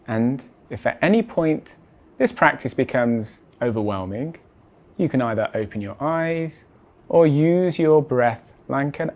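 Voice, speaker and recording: A man leads a body scan meditation in a mid-range voice. He speaks in a measured, deliberate way, letting each phrase settle softly at its end.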